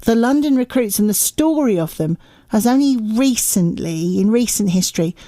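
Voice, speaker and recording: A woman's voice: fairly high pitch, animated, normal speed, no room sound, clean studio sound. A woman presenting a radio interview, who encourages her guest with frequent affirming remarks. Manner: warm encouraging interviewer, many affirming noises.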